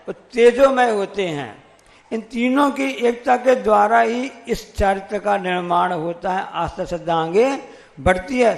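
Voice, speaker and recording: A man's voice: sits high, vocal fry, in a large hall. A man, a monk, giving a sermon, telling stories with acted quotes and repeated phrases. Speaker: Jain monk.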